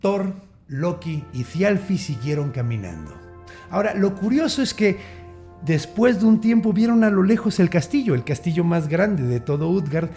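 Man, Mexican accent, podcast storyteller, gossipy, animated, light music behind. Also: high-pitched, moderate pace. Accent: Mexican Spanish. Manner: chatty, gossipy, animated retelling. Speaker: storyteller host.

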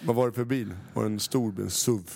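A man co-hosts a podcast in loose casual chat. His voice is gravelly with steady fry, pitched in the middle range. He jokes and mocks himself, talking into a handheld microphone. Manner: joking, self-mocking. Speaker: podcast co-host.

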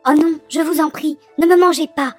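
A man's voice: extremely high pitch, steady tone, normal speed, soft background music. A man voicing the smallest billy goat, timid and pleading in a little voice.

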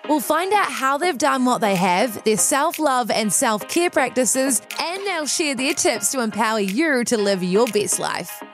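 A woman's voice: high voice, animated, unhurried, hardly any pauses, over music. A young woman hosting a podcast interview, bubbly and encouraging in a casual way. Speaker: podcast host.

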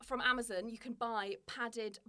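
A woman in her thirties, a podcast guest telling stories in an animated way during a casual chat. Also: on the high side, moderate pace. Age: 30s. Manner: animated storytelling.

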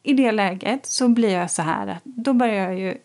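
A woman in casual conversation, telling a personal story in a lively way and acting out what people said. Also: mid-range voice. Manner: animated storytelling, acts out quoted lines. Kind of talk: casual chat.

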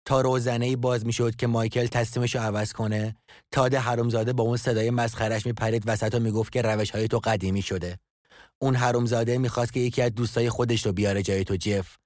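A man's voice: medium pitch, little pitch movement, a little mellow, no echo, clean studio sound, lightly acted. A man voicing a worried male coworker who explains at length and apologizes over the phone in an audio drama. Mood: apologetic. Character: Henry, a worried male office colleague.

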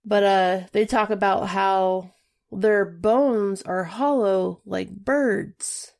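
A woman co-hosting a casual podcast chat, telling stories in an animated way. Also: mid-range voice, drawn-out words, creaky. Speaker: podcast co-host.

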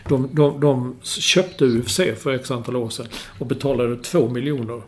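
A man's voice: mid-range voice, a little hiss or hum. A man in casual sports chat, explaining business details with enthusiasm and the odd swear. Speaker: podcast co-host.

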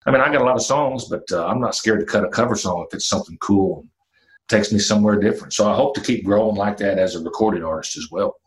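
Deep-voiced man, fifty, storytelling. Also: quick pace, low-quality recording. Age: 50s. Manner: relaxed storytelling with fillers and mild cursing. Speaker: country singer-songwriter. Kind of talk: casual interview talk.

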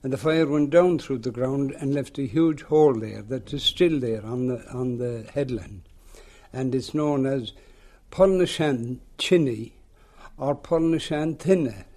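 An elderly man with a rural western Irish accent tells a tale aloud in a lilting, unhurried storyteller's way. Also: mid-range voice, darkish tone. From rural west of Ireland. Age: older, seventies or above. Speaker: local folklore teller. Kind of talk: oral storytelling in an interview.

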